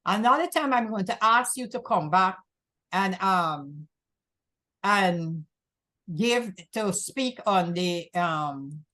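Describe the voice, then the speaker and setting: Guyanese lady hosting a local access show, kinda rambly, says stuff twice, medium pitch. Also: lively intonation, slow, pushed and bright. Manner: rambling, repeats herself. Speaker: host. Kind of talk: community access TV talk show.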